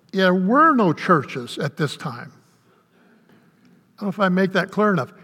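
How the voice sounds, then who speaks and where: An older man preaching a sermon as a pastor, folksy and conversational, with quick asides to the congregation. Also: sits high, fairly bright tone. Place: church sanctuary. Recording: long reverb of a church hall.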